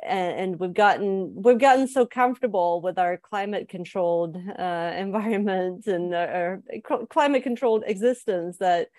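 A woman's voice: mid-range voice, normal speed, hardly any pauses, darkish tone, dry recording. A woman from Sweden, an author, explaining her ideas thoughtfully as a guest on a podcast interview.

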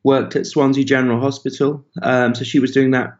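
A man, an author speaking as a podcast guest, in a measured, hesitant way with fillers. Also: medium pitch, level tone, darkish tone, lo-fi sound. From Wales. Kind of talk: podcast interview.

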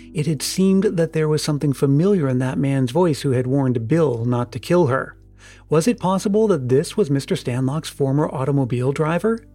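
A man narrating an old-fashioned adventure story in a measured, steady read. His voice sits a little high for a man. Quiet music plays softly under the narration. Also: dry recording. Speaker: audiobook narrator. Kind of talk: scripted narration.

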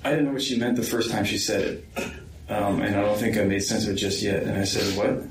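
A man in a recorded interview, slowly and hesitantly recounting events, with many pauses and ums. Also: on the low side, a little hiss or hum. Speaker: interviewee, victim's son. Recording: roomy far-off interview mic.

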